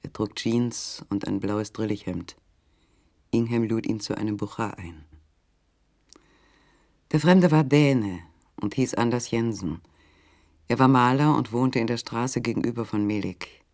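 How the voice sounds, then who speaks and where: An actor serves as the sober, measured third-person narrator of a literary German radio play. His male voice is medium in pitch, natural, and a little mellow.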